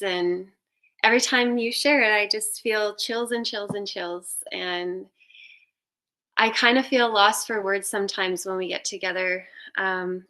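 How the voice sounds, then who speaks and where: A woman with a bright, sharp voice answers in a casual, affirming chat. She drops softer between phrases as she searches for words. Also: medium pitch. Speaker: fellow spiritual practitioner.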